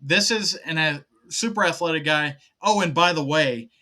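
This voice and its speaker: Male sports co-host, high, brilliant tone; excited, number-packed casual analysis. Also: moderate pace. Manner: enthusiastic, stat-heavy analysis. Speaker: podcast co-host.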